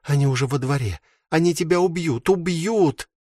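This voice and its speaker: A man's voice: a little high, moderate pace, mellow, no echo, studio quality, voice pushed up, lightly acted. A man reading an audiobook, voicing a frightened young woman who pleads urgently in a raised voice. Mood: pleading urgent.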